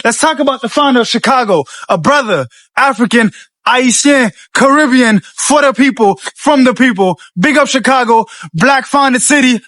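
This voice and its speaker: A man makes a rousing speech outdoors beside a statue, firing one rhetorical question after another. His voice is very high and bright. The sound is dry and close. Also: dry recording. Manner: rhetorical, declamatory. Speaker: activist speaking at a statue.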